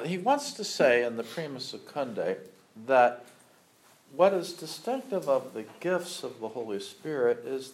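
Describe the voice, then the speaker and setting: A man giving a classroom theology lecture. He thinks aloud with many fillers and often checks that students follow. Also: medium pitch.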